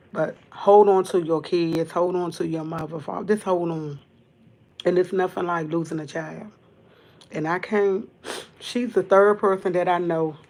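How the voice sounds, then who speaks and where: A woman hosting a livestream, tearful and fighting back crying, talking in a halting, earnest way that keeps repeating itself. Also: fairly low pitch, darkish tone. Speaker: livestream host. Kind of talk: emotional livestream monologue. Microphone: camera.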